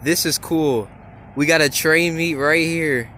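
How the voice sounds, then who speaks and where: A man vlogging trackside outdoors, excitedly narrating passing trains, stumbling over his words and whooping at horns. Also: a little high, measured pace. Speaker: railfan vlogger. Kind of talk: excited on-the-spot vlog narration. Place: outdoors beside railroad tracks. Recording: faint outdoor noise.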